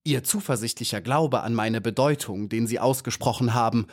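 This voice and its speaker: A man's voice: mid-range voice, normal speed, close to an everyday voice. A man doing a pompous little ladybird poet. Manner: grandiose, self-important, theatrical.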